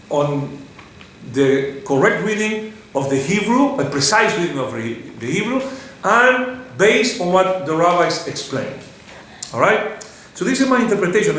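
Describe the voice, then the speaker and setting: A man's voice: sits high, fairly bright tone. A man teaching a Torah class, putting questions to his students and often restarting his sentences. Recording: very echoey room with faint background noise.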